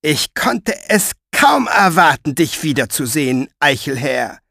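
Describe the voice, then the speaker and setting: Man doing a harsh, shouting captain, high and loud. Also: sing-song, a little slow, vocal fry, dry recording, studio quality, exaggerated voice. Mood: eager, scheming. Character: cruel impatient male soldier captain, loud and commanding.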